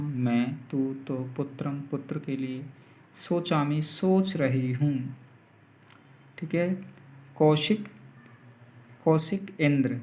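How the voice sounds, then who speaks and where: A man teaching a school lesson, reading phrases aloud and explaining each word slowly and repeatedly for his students. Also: medium pitch, darkish tone, roomy sound. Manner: slow, repeats words and meanings for students. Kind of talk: Sanskrit lesson, line-by-line translation.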